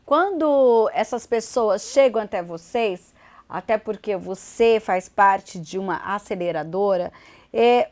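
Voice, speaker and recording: A Brazilian woman hosting a TV studio interview, asking long, measured questions. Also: fairly high pitch, a little mellow. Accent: Brazilian Portuguese. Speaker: TV interview host.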